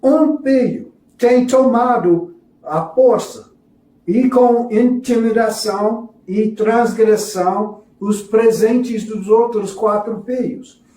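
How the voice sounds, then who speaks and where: A religious teacher presenting a course, a man who calls himself a gringo and is foreign to Brazil, speaks non-native, foreign-accented Portuguese in a slow, high, dark-toned voice. He sounds halting, hesitant, and apologetic in Portuguese while teaching a lesson through storytelling. He is distant from the mic in an echoey room.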